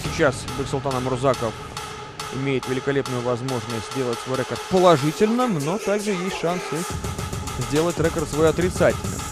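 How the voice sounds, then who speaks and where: A man's voice: medium pitch, normal speed. A man giving live sports commentary, reciting fighter statistics in an informational way. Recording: loud music behind the commentary.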